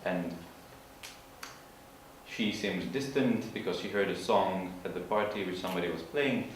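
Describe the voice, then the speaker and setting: Low-voiced man, echoey and distant. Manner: explanatory, halting, searching for words. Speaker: student presenter. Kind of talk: informal literature presentation. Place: large room at an evening school event. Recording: echoey hall from far off, faint noise.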